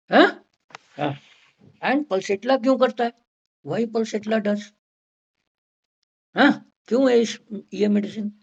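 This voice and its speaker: A high, gravelly male voice lectures a class on homeopathy, blending English into his explanations and repeatedly checking that his students are following along. The recording sounds dull and lo-fi.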